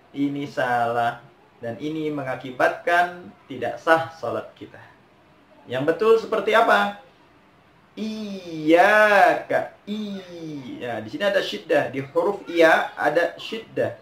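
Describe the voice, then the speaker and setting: A man with an Indonesian accent teaching Quran recitation, chanting verses slowly and explaining mistakes. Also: on the high side, creaky, a bit bright. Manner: slow, drawn-out chanting of verses between quick explanations. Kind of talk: step-by-step recitation lesson. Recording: roomy echo.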